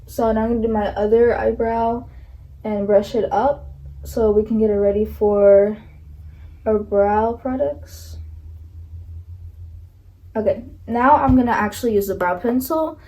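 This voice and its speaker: A young woman vlogger narrates her makeup tutorial in a loose, chatty way. Her voice sits a little high, and she sounds nervous, leaning on likes and ums. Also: fairly even intonation, measured pace, long pauses, mellow, rough recording. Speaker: beauty vlogger. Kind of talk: casual makeup tutorial chat.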